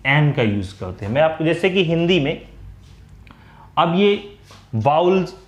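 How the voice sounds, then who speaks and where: An Indian man explains English grammar in a slow, patient classroom style, stretching out the words he wants to stress. His voice sits a little high. The recording has a noticeable room echo. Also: sing-song, highs cut off. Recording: echoey room.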